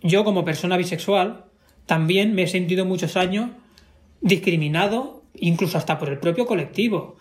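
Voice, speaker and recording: A man's voice: high-pitched, moderate pace. A man with a Spanish accent talking in a casual conversation, emphatic and given to repeating himself for stress. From Spain.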